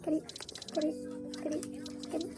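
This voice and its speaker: A woman's vlog voice, fast-forwarded until it comes out high and squeaky like a chipmunk. She talks in a chatty, offhand, rambling way, with some vocal fry still audible. Music plays clearly in the background. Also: monotone. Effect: sped-up chipmunk-like audio. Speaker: vlogger. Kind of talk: casual chat to camera.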